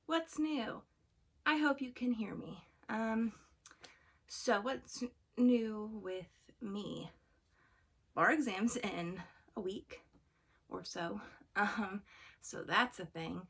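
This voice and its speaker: A woman's voice: mid-range voice, takes it slowly, long pauses, slightly rough. A young woman with allergy congestion and a throaty voice, chatting in a casual, rambling vlog with many fillers. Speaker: vlogger studying for the bar exam. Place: room at home. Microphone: camera on a fixed angle.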